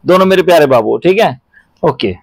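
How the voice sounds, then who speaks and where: Young dad, playful and teasing, with a very animated pitch, for casual home vlog banter. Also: male voice, brisk, gravelly. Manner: teasing, playful, cries out in mock protest. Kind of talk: casual playful family chat.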